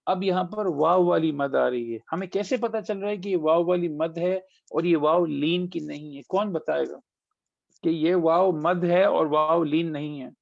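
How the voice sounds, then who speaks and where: Patient man teaching recitation with a gravelly voice. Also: on the high side, a little mellow, dry recording, dull audio. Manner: patient, repeats syllables slowly then explains quickly. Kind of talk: Tajweed lesson, spelling out and reciting syllables.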